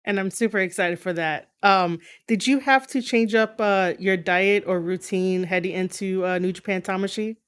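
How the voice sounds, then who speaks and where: Female interview host: smooth clear voice, informal fan chat, wandering phrasing, middle register. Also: mid-range voice, normal speed, hardly any pauses. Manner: rambling, informal, frequent asides.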